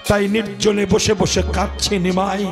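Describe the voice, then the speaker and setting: Blunt, very high-voiced male preacher. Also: level tone, moderate pace. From Bengal. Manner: blunt, rhetorical, questions the audience. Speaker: kirtan singer and preacher. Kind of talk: devotional kirtan sermon. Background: devotional music.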